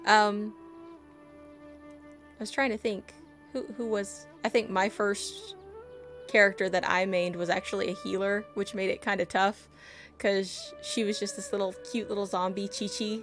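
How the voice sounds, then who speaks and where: Over background game music, a woman streamer keeps up playful, chatty talk and reactions while she plays. She speaks in a mid-range voice at a normal speed, with fairly even intonation.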